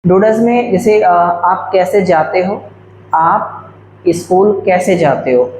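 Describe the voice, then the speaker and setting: A man's voice: high-pitched, darkish tone. Guy teaching english, drags out each word, roomy echo. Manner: slow, drawn-out dictation of English examples. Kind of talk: classroom-style video lecture. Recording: echoey room, faint background hum.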